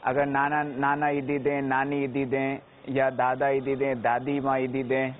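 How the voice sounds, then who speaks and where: A man's voice: mid-range voice, completely flat delivery. Man giving children simple advice, tinny. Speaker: religious speaker advising children. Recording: tinny phone-like sound with faint noise.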